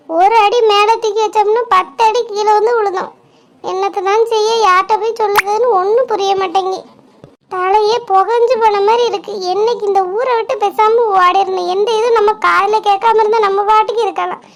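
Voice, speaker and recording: A woman plays a fretful middle-aged village woman in a cartoon drama. Her voice is extremely high and childlike, and she speaks. She keeps turning her worries over as she talks. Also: fairly even intonation, moderate pace, a little hiss or hum. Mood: worried.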